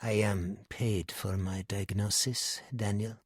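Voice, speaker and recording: A man's voice: on the low side, little pitch movement, slow, slightly rough, no echo, studio quality. A man voicing a frail, dying male psychiatrist in his nineties, with a heavy German accent and a sly, probing way of asking questions. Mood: probing, lecturing. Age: 90s.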